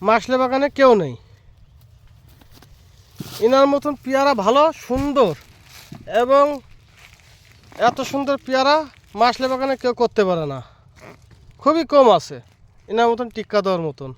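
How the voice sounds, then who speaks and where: A man with a very high, fairly bright voice presents an informal vlog outdoors in a guava orchard, speaking straight to viewers and repeating himself. His intonation is lively, his speed normal, and he leaves long pauses. Faint background noise comes through the outdoor recording.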